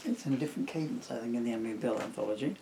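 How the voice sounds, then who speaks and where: Racing through a children's story with jokes, self-teasing and chatty asides, a father reads aloud in a medium-pitched, dark-toned voice. The audio is poor, with clear background noise.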